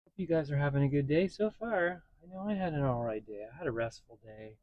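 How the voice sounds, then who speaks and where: A man casually telling stories in a vlog from inside his parked vehicle, getting animated as he retells what happened. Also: fairly high pitch, fast, no echo, lo-fi sound. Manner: chatty, animated when retelling a story. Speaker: vlogger.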